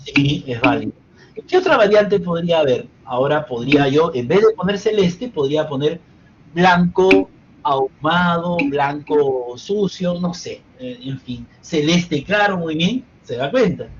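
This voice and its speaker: A psychotherapy lecturer with a fairly high, animated voice teaches a live online class at a measured pace. He keeps students engaged by quizzing them with one question after another, and the lo-fi sound is dull with faint background noise.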